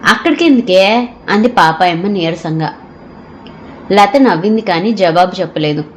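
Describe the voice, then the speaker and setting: A woman narrating an audio novel in a steady storytelling manner. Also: on the low side, normal speed, a little hiss or hum.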